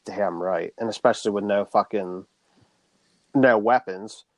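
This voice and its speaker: A man's voice: on the low side, a little slow, dry recording. A man co-hosting a podcast, casually recapping a horror film plot and swearing freely.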